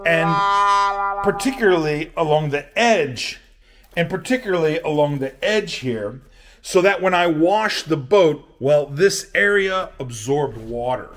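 A man's voice: a little high, lively intonation, unhurried, loud music behind the voice. An older man narrating a boat repair how-to in a plainspoken, matter-of-fact way in an indoor workshop, filming himself up close. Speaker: boat restoration vlogger.

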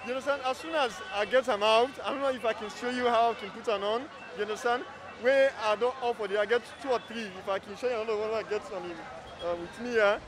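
A man's voice: high voice, quick pace, crowd noise, background noise. A man with a Sierra Leonean Krio accent speaking through a face mask outdoors in a street interview, often checking in with "you understand?".

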